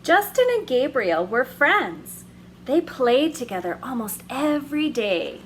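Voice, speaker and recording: A woman leads a children's story hour, reading a picture book aloud gently and expressively, drawing out words for emphasis. Her voice sits high, with a little hiss or hum in the recording.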